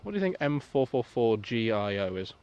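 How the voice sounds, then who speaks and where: A man's voice: medium pitch, big pitch swings, fairly quick, darkish tone, clean tone, muffled recording. A young man, filming himself outdoors on a phone while exploring a cold abandoned building, swearing and joking drily. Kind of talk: casual vlog chat. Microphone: phone camera.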